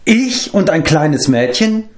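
A man reading aloud and voicing a spirited, proud young girl with a sharp tongue. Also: medium pitch, lively intonation, pitched above the performer's own voice, close to an everyday voice. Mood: indignant. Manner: indignant, quick, sharp-tongued. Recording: roomy echo.

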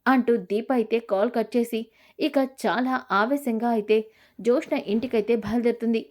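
Mellow-voiced woman retelling a story. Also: fairly high pitch, fairly even intonation, moderate pace. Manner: voices every character's lines herself, raising her voice for shouts. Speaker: serial recap narrator. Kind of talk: dramatic story retelling with acted quotes.

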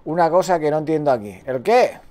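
A man's voice: on the high side, animated, a little fast, warm tone. A man from Spain with a Spanish accent, streaming a game live, swearing often and chatting with his viewers. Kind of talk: live gameplay commentary.

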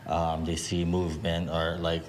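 A man with a very deep voice answers a reporter's questions on location. He speaks casually and hesitantly, padding his answers with fillers. Faint ambient noise sits behind him. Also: completely flat delivery, a little slow. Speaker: haunted attraction organizer. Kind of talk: on-location interview. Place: outdoor plantation village house.

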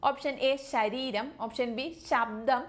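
Higher-pitched woman teaching quiz questions. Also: fairly even intonation, slow. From Kerala. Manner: reads options then confirms the answer, with frequent "okay". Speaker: exam prep teacher. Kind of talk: quiz-style language lesson.

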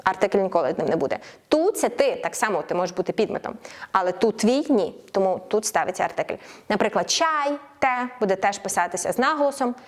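Lady teaching spanish online, explains stuff then says the example phrases reeeal slow. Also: medium pitch, animated. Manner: explains clearly, slows right down for example phrases. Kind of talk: online language lesson.

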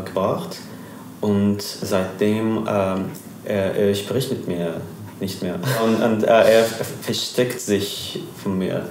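Podcast guest: young man, Persian accent, halting German, slow and lowish, roomy echo. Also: a little mellow, a little hiss or hum. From Iran. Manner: hesitant, searching for German words, many fillers. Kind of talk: interview.

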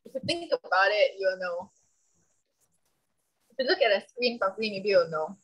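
A woman's voice: mid-range voice, animated, moderate pace, a bit bright, slightly rough, highs cut off. A young woman with a Singaporean accent casually hosts a guessing game on a video call, using colloquial Singlish. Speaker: online game host. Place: indoor room, video call. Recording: online group video call.

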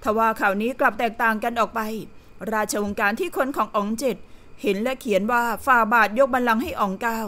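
A woman voicing a calm, shrewd male palace servant in an audiobook, speaking in a low, steady, composed way. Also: fast, lightly acted. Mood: grave. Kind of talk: audiobook character reading.

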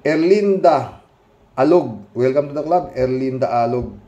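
A man's voice: mid-range voice, measured pace, highs cut off. A middle-aged man giving casual spoken commentary to viewers, emphatic and heated, firing rhetorical questions with frequent interjections. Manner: quieter and more subdued when reading comments and signing off.

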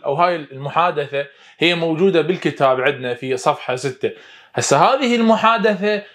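A male English teacher with an Iraqi Arabic accent gives a lively online lesson, coaxing students and repeating English words slowly for them to echo. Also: sits high.

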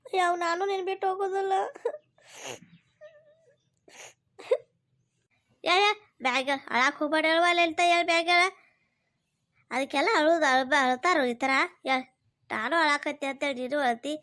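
A woman's voice: high-pitched, a little fast. A woman voicing a loving village mother in a cartoon, speaking with a North Karnataka Kannada accent and coaxing her daughter tenderly. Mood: soothing. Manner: tender, coaxing, scolding gently. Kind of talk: cartoon voice acting.

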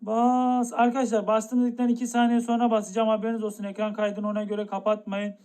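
A man's voice: high-pitched, completely flat delivery, dark tone, clear, resonant tone. A young man streaming a game live, talking to his chat and stretching out the build-up by repeating the same phrase again and again. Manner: drawn-out hype, repeats the same phrase over and over.

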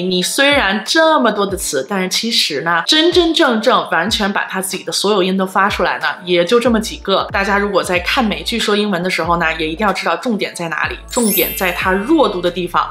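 Woman doing an english lesson, bright voice bouncing all over, roomy echo w faint music. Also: mid-range voice, expressive, fairly quick, few pauses. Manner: explains pronunciation with repeated example phrases. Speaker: English teacher. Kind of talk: online language lesson.

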